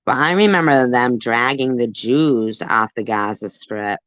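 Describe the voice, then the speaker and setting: Rumbling low yet fairly bright in tone, this woman speaks unhurriedly as the host of a commentary stream. Her livestream talk is defensive and rambling with plenty of fillers, captured on dull, dry lo-fi audio without any room sound.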